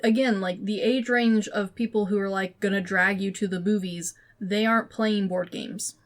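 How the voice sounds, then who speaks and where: A woman co-hosting a podcast chats casually about games and movies, sharing her opinions in loose, informal phrasing. Her voice is medium in pitch, with a steady tone and moderate pace.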